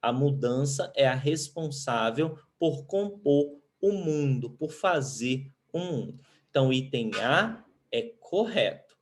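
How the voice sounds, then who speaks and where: A Brazilian man teaching a Portuguese grammar lesson, who asks questions and answers them himself, and reads poem lines slowly while counting syllables. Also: mid-range voice, animated, a little hiss or hum. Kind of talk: recorded online grammar lesson.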